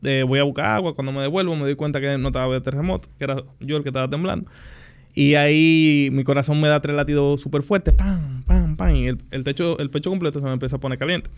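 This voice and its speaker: A young man, a podcast guest, telling his story in a relaxed, animated and joking way. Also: fairly high pitch, fast. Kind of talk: casual interview conversation.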